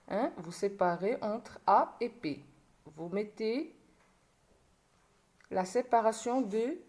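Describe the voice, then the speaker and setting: Woman teacher, from Morocco, slow syllable drills, mellow tone, animated pitch. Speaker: primary school teacher. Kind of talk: classroom video lesson.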